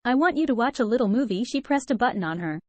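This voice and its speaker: A woman reading a first-person story aloud in an even, steady manner without fillers. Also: a little high, quick pace, dry recording. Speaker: story narrator.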